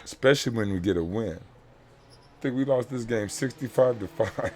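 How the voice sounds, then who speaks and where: A man's voice: medium pitch, normal speed, a little mellow, slight background noise. A man coaching a youth basketball team, breaking down game film for his players in a blunt, instructive way and repeating key points.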